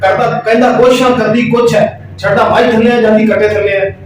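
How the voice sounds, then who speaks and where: Skit husband, played by a man: Pakistani Punjabi, grumbling, sarcastic, high for a man, echoey distant sound. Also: steady tone, fairly quick, close to an everyday voice. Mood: exasperated. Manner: complaining, repetitive ranting. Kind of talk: family comedy skit acting. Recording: very echoey room, distant mic, noise.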